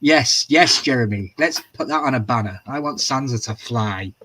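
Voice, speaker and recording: A man's voice: mid-range voice, moderate pace, a bit bright. A man hosting a casual live-stream recap, chatty and profane, reading viewers' comments aloud as he goes.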